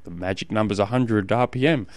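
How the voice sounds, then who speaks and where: A man's voice: fairly low pitch, brisk, darkish tone, no room sound. A man with an Australian accent hosting a podcast, giving casual coaching advice in an informal, rambling way and often rephrasing himself mid-sentence. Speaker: podcast host and endurance sports coach.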